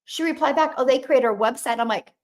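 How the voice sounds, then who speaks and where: A woman's voice: high-pitched, a little fast. A woman gives an emphatic motivational talk, repeating lines for effect and acting out her own past thoughts. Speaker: motivational speaker.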